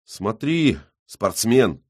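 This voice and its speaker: A cocky street thug spits crude slang and threats at the listener, as a man reads him. The voice sits fairly low. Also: very animated, very slow, heavily acted. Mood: threatening.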